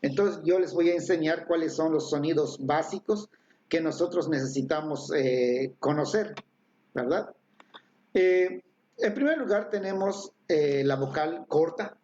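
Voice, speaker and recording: A man with a fairly high voice gives an online language lesson. He explains patiently, filling pauses and checking in with tag questions. The sound is dull and lo-fi, like a livestream. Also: a little mellow. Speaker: Maya language teacher.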